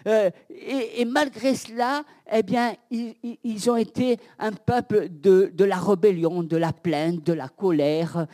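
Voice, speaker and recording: High-voiced French pastor, halting delivery. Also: male voice, steady tone, warm tone. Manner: halting, many fillers and repeated words; asks the listeners direct questions. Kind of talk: sermon.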